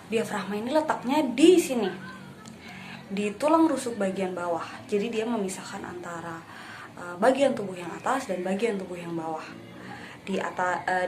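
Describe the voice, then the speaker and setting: A woman's voice: medium pitch, a little hiss or hum. A woman music teacher explaining breathing and phrasing to her pupils in a patient classroom manner, with frequent fillers. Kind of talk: classroom lesson with sung examples.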